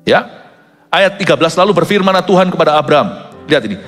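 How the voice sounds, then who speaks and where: A male pastor preaching emphatically, mixing English phrases into his sermon and swinging from low asides to loud high peaks. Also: expressive, quick pace. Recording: long hall reverb with soft music behind.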